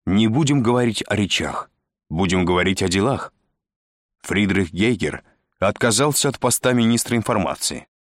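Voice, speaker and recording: A man doing a restless, mocking man who hisses and splutters through his lines. The voice rides above a deep natural register, the recording dry and close with no room sound. Part of an audiobook reading. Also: lively intonation, normal speed, dry recording, close to an everyday voice. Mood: declaiming. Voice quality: hissing, spluttering. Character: agitated sardonic man, hissing and spluttering.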